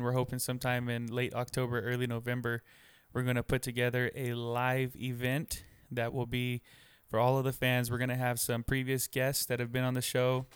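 A man co-hosting a podcast from his home office, easygoing and quick to laugh. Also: medium pitch, clean tone, dry recording. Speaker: podcast co-host. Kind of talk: casual podcast chat.

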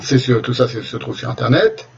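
A man delivering a spoken lecture over slides, deliberate, often restarting his phrases as he goes. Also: medium pitch, lively intonation, gravelly, recorded from a distance, highs cut off, noisy background. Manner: deliberate, with frequent restarts and hesitations.

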